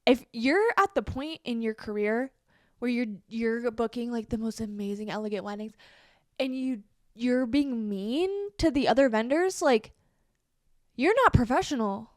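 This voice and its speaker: A woman's voice: a little high, unhurried, dry recording, studio quality. A woman in her twenties hosting a solo podcast, talking casually with lots of fillers. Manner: casual, animated, many fillers like "like" and "um". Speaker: podcast host.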